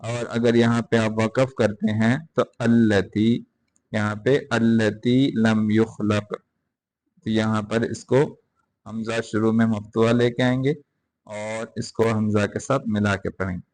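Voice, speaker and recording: A man teaching Quran recitation, chanting verses in a drawn-out way and breaking off for brisk corrections. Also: on the low side, level tone, darkish tone. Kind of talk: Quran recitation with tajweed lesson.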